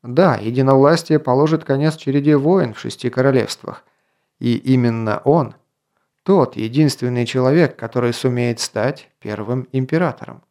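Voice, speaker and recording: A man reads a fantasy novel aloud with a mellow, dark-toned voice in the middle range. His delivery is measured and even, like a steady audiobook narration. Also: medium pitch. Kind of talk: scripted narration.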